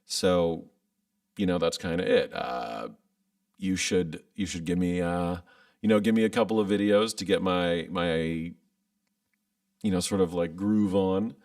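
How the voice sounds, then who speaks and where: A man's voice: sits low, measured pace, darkish tone, no room sound, distant mic. A man in his thirties chatting casually on a livestream, rambling and hesitant with many restarts, speaking into a studio mic at home. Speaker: content creator streaming live. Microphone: studio microphone with headphones.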